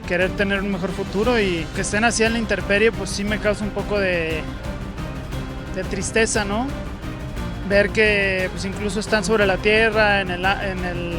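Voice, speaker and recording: High-pitched Mexican man, music behind. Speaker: guest influencer. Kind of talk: casual chat. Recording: music over outdoor talk.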